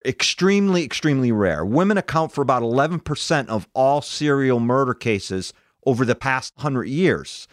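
A man's voice: mid-range voice, lively intonation, moderate pace, dry recording, studio quality. A man in his fifties hosting a podcast, talking through cases as a conversational true crime narrator.

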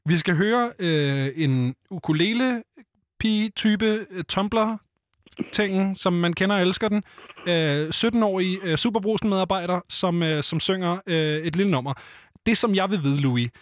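A man's voice: high voice, dry recording. A man co-hosting a casual podcast, presenting clips in a teasing, mocking manner.

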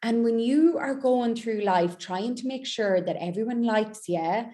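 A woman's voice: on the high side, unhurried, mellow. A woman speaking as a mindset coach in a podcast interview, making her points in short, emphatic, repeated sentences.

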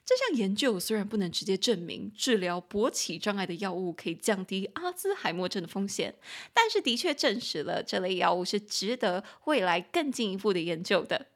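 A young woman hosting a bilingual podcast English lesson, who reads phrases slowly, spells words letter by letter, and giggles when a word embarrasses her. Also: mid-range voice, expressive. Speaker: podcast host and English teacher.

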